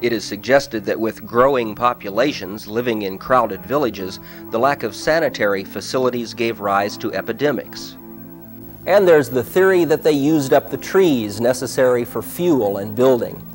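A man giving scripted documentary narration in a measured, explanatory way. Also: mid-range voice, lively intonation, faint music behind.

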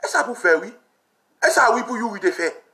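Ranting Haitian man, high bright voice. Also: animated, moderate pace. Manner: emphatic, repetitive, swears, pitch jumps when ranting. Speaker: radio talk show host. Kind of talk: heated political commentary.

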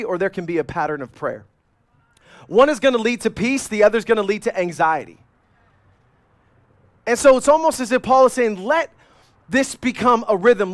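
High-voiced preaching man, dry sound. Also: dry recording. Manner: animated preaching with sudden loud and quiet swings. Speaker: pastor. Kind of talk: sermon.

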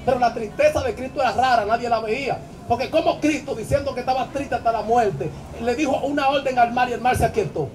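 A man preaching an impassioned live sermon, shouting and chanting his exhortations in a sing-song way. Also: extremely high pitch, fast, few pauses, slight background noise. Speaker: evangelist preacher. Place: church service. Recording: live church audio with music and crowd. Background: music and congregation.

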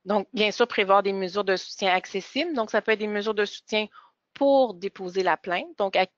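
A woman giving a webinar presentation, speaking in a measured way with frequent hesitations. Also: mid-range voice, no echo. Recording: dull, lo-fi webinar audio.

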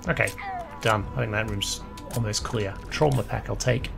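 This man's voice sits on the low side, steady and creaky, at a moderate pace. He's doing a relaxed let's play commentary, chatty and reading notes aloud while gradually losing his voice, with game music playing beneath the gameplay.

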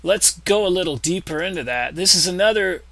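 A man giving a casual, profane screen-recorded tutorial on music software, explaining settings step by step. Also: sits high, animated, a little fast, no room sound.

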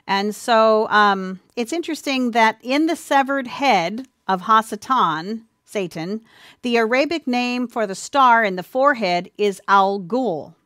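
A woman giving an earnest, sermon-style Bible teaching, speaking warmly to listeners as dear ones, with a few ums and restarts. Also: on the high side, animated, unhurried, no room sound, clean studio sound. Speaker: presenter of a church teaching.

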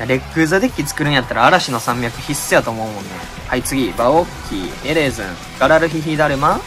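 A man with a Kansai accent chatting casually as he opens card packs, reading out each card and crying out in excitement at good pulls. His voice has been a little out of shape lately. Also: mid-range voice, quick pace, music in the background. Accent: Kansai Japanese. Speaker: channel host. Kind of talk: casual card-pack opening commentary.

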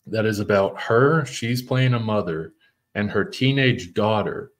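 A man's voice: fairly low pitch, measured pace. A man co-hosting a podcast, chatting casually and meandering as he searches for words. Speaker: podcast co-host. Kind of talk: casual chat.

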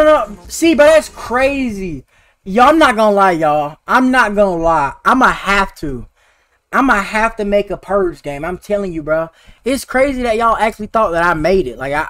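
A teenage boy streams a game and talks casually with his viewers, laid-back and full of slang. His voice is high and fairly bright, and the recording is dry.

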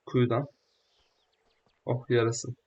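A young man giving casual, joking let's-play commentary, excitable and slangy, often talking back to the game. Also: medium pitch, slow, highs cut off. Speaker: gaming YouTuber.

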